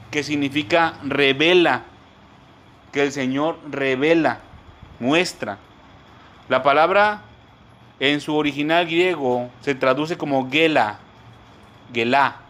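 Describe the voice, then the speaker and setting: A man's voice: a little high, fairly bright tone. A man teaching a church Bible study, repeating his points and often calling the listeners brothers. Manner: repetitive, addresses listeners as brothers; explains word by word, spells terms out.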